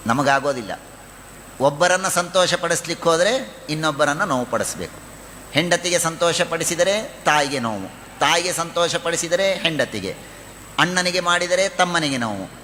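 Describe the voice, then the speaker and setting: A man with a fairly high, bright voice gives a devotional scripture discourse. He tells the story and acts out its dialogue, breaking into chanted Sanskrit verses. His voice rings out in a hall with a long reverb and a faint hum of noise behind it. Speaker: pravachan speaker.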